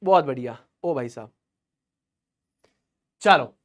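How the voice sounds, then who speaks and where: A man's voice: medium pitch, animated, slow pace. A young man teaching a live online chemistry class, chatty and playful, joking with students between quiz polls.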